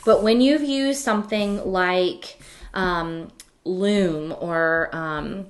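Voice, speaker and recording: A woman's voice: on the low side, drawn-out words. Chatty woman teaching on a live stream. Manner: chatty, laughs often, many fillers and self-corrections. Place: home office. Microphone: computer webcam mic.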